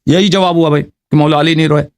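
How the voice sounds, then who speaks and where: A man's voice: on the high side, steady tone, clean tone. A man arguing in a heated religious debate on a live call-in show, pressing the same pointed questions again and again. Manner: insistent, repeats pointed questions.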